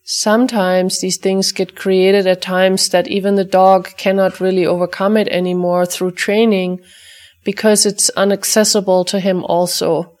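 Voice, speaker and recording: A woman teaching an energy healing exercise for dog owners, guiding gently and repeating chant-like clearing phrases. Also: mid-range voice, a little slow. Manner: calm, repetitive incantation-like clearing phrases.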